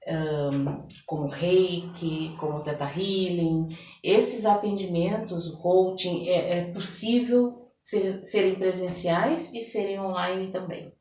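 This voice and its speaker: Speaking slowly in a warm, fairly low, steady voice, a Brazilian oracle card reader and holistic therapist appears as a podcast guest. She explains her card reading and answers interview questions, repeating phrases to stress them. Music plays behind her in an echoey room.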